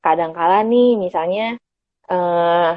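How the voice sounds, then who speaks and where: A woman's voice: on the low side, slow, no room sound. Woman psychologist on a dull lo-fi live stream. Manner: patient and explanatory, often calls the host by name; casual conversational speech with fillers. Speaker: child psychologist guest. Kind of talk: explaining parenting tips in a live chat. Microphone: phone on an Instagram live stream.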